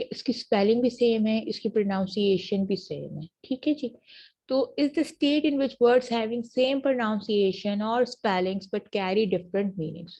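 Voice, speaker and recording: A woman university lecturer with a Pakistani accent, explaining terms patiently and reading English definitions slowly, in a muffled lo-fi recording. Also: mid-range voice, gravelly, a little mellow, breathy edge. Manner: patient, repeats checks like "theek hai ji" after each point. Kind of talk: classroom lecture mixing Urdu and English.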